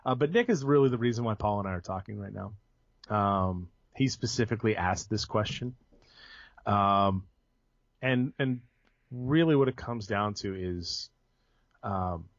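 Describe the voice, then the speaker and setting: Unhurried and lowish, this young man's voice comes through a dry, dull lo-fi podcast recording. As a guest in a casual interview, he rambles about his IT job, often saying "um," restarting and correcting himself.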